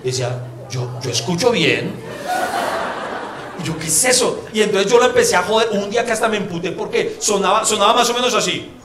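A man's voice: high voice, lively intonation, rapid-fire, noisy background. A man with a Colombian accent co-hosting a comedy podcast, telling stories and mimicking his friend in a teasing way. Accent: Colombian Spanish. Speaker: podcast co-host. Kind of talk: casual comedic podcast banter. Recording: roomy sound with audience laughter.

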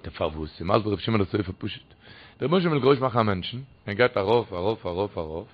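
A man giving a Torah talk in a sing-song preaching cadence, murmuring low and then calling out loudly. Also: animated, fast talker. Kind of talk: Yiddish-inflected Torah discourse. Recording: muffled lo-fi recording.

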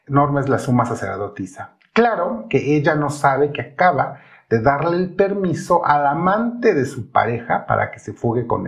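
Man, podcast host, storytelling narration, rising emphasis on linking words, medium pitch.

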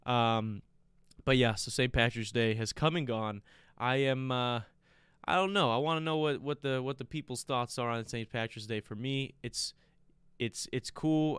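A man's voice: fairly low pitch, a bit bright, clear, resonant tone, no echo. Stuffy-nosed American man, casual podcast host. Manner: rambling, conversational, repeats himself. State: sick with a blocked nose. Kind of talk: casual chat to listeners.

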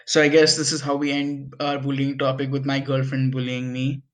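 A man's voice: medium pitch, completely flat delivery, a little fast, fairly bright tone. A young man co-hosting a podcast, talking in an easygoing, friendly way and thanking listeners. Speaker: podcast co-host. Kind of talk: casual podcast chat.

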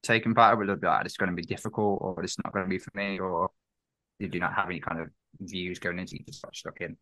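A man's voice: deep voice, steady tone, fast, sharp tone, no echo. A young man hosting a podcast, asking loose, rambling questions with many restarts. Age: young adult. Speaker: podcast host. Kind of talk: casual interview questions.

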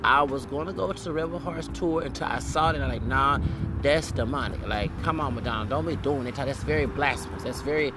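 A man's voice: mid-range voice, fairly quick, background noise. A man in his forties talking casually on his podcast, chatty and fond of breaking into song snippets. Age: 40s. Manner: chatty, sings snippets of songs. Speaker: podcast host. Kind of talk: casual monologue. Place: outdoors near a street.

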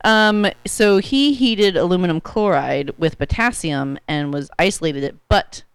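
Female co-host, lowish voice, playful conversational delivery, dry recording. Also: measured pace, clear, resonant tone, no room sound. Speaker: podcast co-host. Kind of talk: casual science chat.

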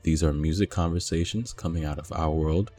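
A man hosting a podcast, opening the show in a smooth announcer manner. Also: extremely low pitch, brisk, dark tone, faint music behind. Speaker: podcast host.

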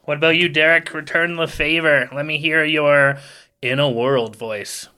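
A man's voice: on the high side, fairly even intonation, measured pace, bright, forceful tone, smooth. A man with a nasal voice co-hosting a podcast in easygoing, casual chat. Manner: laughs often, easygoing. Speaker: podcast co-host.

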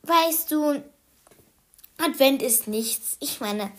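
A woman's voice: high voice, very slow, voice pushed up. A woman doing a dismissive, scatterbrained mom. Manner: brushes off questions. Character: scatterbrained mother, dismissive yet fond.

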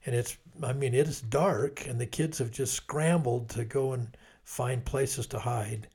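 A man's voice: mid-range voice, fairly even intonation, a little slow, darkish tone, husky. An older man, a grandfather, chatting casually with his wife, laughing often and restarting sentences. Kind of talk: casual chat.

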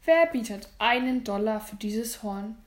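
A flustered middle-aged auctioneer , put on by a woman reader, calls out bids in a loud, eager voice. It is a storybook audiobook scene, with the figure's voice pitched a little high. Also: lively intonation, measured pace, slight background noise.

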